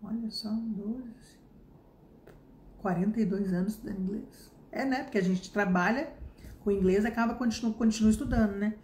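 A woman's voice: mid-range voice, normal speed, darkish tone, roomy sound, slight background noise. A Brazilian woman in her fifties, an English teacher giving a casual spoken lesson, chatty and emphatic with many tag questions. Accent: Brazilian Portuguese. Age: 50s.

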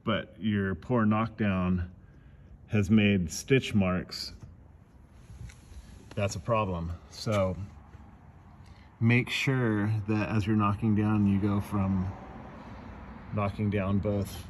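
A man doing dent repair outdoors, explaining his work in a relaxed, casual way as he films on a phone. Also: fairly low pitch, drawn-out words, long pauses, slight background noise. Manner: relaxed, explanatory, talks between tasks. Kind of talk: casual how-to narration while working. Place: outdoors in a parking lot beside a car.

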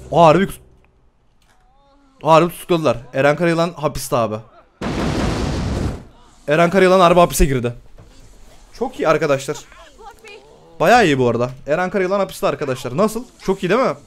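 A young man giving excitable live commentary on a game, swearing often and laughing a lot. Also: high voice. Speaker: gameplay streamer.

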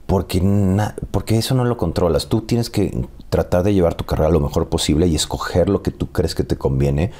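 A Mexican man in his thirties, an actor telling animated stories and laughing often in a casual interview. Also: low-pitched, moderate pace, few pauses. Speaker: actor guest.

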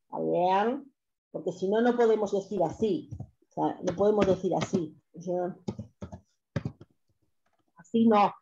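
A woman's voice: medium pitch, unhurried, pauses often, background noise. A woman teaching an online language lesson, explaining patiently and checking constantly that her students follow. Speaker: French teacher. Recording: dull lo-fi online class audio.

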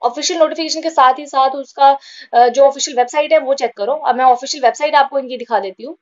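Casting: woman with a high voice, chatty explainer host, repeats herself, dull lo-fi recording. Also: fast talker. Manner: casual, repeats points, frequent fillers. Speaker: job-update channel host. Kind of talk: informal explainer voice-over over screen recording.

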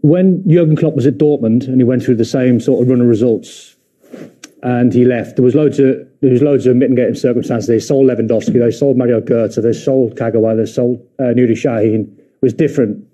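Emphatic middle-aged male pundit, husky. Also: mid-range voice, fairly quick, mellow. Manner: emphatic, repeats his points. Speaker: football pundit. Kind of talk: studio punditry. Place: TV studio.

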